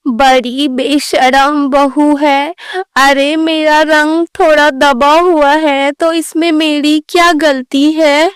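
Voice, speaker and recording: A woman's voice: high-pitched, little pitch movement, takes it slowly, no echo, studio quality. A woman voicing an older neighbour aunt in a cartoon story, fussy and easily offended.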